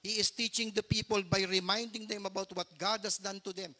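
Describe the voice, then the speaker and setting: Middle-aged man, pastor, earnest storytelling sermon, somewhat high voice, bright forceful tone. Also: level tone, normal speed. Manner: earnest, mixes English into his Tagalog.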